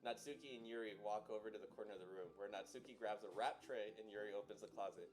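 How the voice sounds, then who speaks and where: A man's voice: lowish voice, steady tone, quick pace. A man narrating a visual novel on a live stream, breaking off for jokey asides. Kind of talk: live game read-along, voice acting. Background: game music.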